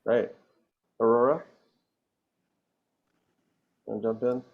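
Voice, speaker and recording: A man's voice: mid-range voice, level tone, takes it slowly, narrow, tinny audio. A man moderating a webinar over a video call, loose and conversational with light chuckles. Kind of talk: casual chat moderating a webinar.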